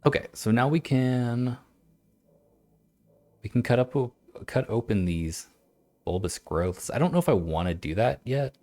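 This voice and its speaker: A man streaming a game, chatting and reading old-style text aloud in a halting, stumbling way, laughing at himself. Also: medium pitch, expressive, a little mellow. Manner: self-mocking, laughs often. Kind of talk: let's-play commentary with reading aloud.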